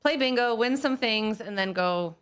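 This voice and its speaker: A woman's voice: on the high side, moderate pace, fairly bright tone, clean tone. An American woman speaking conversationally as a guest in a radio interview. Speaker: radio guest, school fundraiser organizer.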